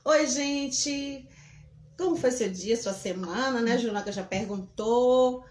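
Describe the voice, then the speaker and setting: Chatty Brazilian woman, high voice. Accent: Brazilian Portuguese. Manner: chatty, talks fast and loudly. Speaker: host. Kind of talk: casual livestream chat. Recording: echoey room.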